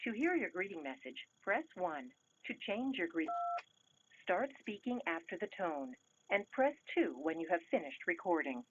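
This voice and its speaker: A woman's recorded voicemail prompts giving measured, clipped instructions, heard over a landline phone. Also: mid-range voice, very animated. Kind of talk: recorded system announcements. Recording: muffled phone line, faint hiss.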